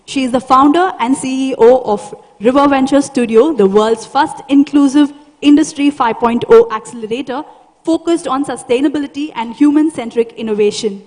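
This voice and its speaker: A woman's voice: sits high, normal speed, a little mellow. A woman with an Indian accent reading formal scripted introductions as an event announcer. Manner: formal, ceremonious. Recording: echoey hall PA, long reverb.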